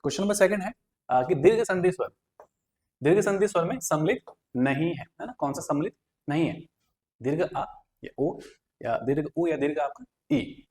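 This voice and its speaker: A male teacher works through exam questions one by one, explaining each answer and checking back with his listeners as he goes. His voice sits a little on the high side. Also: big pitch swings, moderate pace, pauses often, a little mellow, a little hiss or hum. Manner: explains step by step with repeated fillers. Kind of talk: exam prep lesson.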